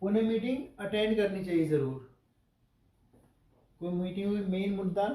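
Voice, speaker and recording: A man's voice: sits high, a little mellow, reverberant, rough recording. A male English teacher giving a classroom grammar lesson, asking the class questions and spelling out example sentences word by word.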